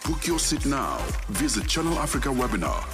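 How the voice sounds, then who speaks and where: Male promo announcer over loud music. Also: mid-range voice, sing-song, a little fast.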